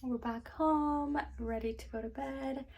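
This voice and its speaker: A young woman vlogging casually into a phone camera, gushing and excitable. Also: high-pitched, a little slow. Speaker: lifestyle vlogger. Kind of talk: casual vlog chat. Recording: loud background noise.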